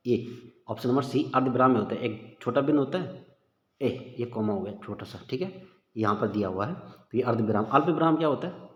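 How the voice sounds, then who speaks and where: A man's voice: medium pitch, animated, a little fast. A man teaching a casual exam-prep lesson, chatty and informal, calling listeners "bhai" and thinking aloud as he works through the questions. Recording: echoey room with long reverb, dull lo-fi sound.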